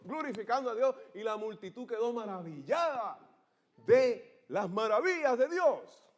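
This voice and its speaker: A man preaches with a fairly high voice, telling a story with theatrical energy. He swings from hushed asides to ringing shouts and keeps asking the congregation for their amens. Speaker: pastor. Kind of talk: sermon.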